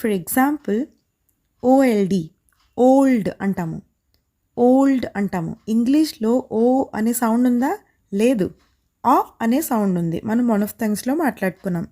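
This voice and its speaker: Slow, deliberate Telugu-accented woman teacher. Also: a little high, lively intonation, dark tone. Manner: slow, deliberate, repeats sounds, playfully stern. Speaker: English pronunciation teacher. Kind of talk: phonics lesson with example words.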